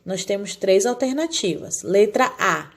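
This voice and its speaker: A woman's voice: medium pitch, expressive, unhurried. A woman teaching a recorded lesson to young children. She explains patiently and keeps asking the class questions, then answers them herself. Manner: talks down gently to small children. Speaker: primary school teacher.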